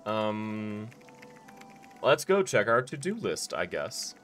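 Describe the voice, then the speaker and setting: A man's voice: fairly low pitch, sing-song, takes it slowly, fairly bright tone, faint music behind. A man streaming a game live, chatting in a laid-back, rambling way with many fillers and restarts. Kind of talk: casual live-stream chat while playing.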